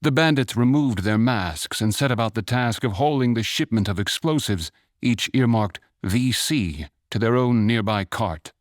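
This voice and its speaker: A man narrating a fantasy short story in a measured, even storytelling manner. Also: mid-range voice, dry recording, studio quality, close to an everyday voice. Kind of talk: scripted audiobook narration.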